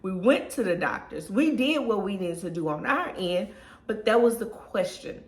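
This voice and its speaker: A woman's voice: mid-range voice, animated, normal speed. A woman in her thirties telling a personal story to her viewers in a casual, emotional way, often saying "y'all". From Southern US. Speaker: lifestyle vlogger. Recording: echoey room.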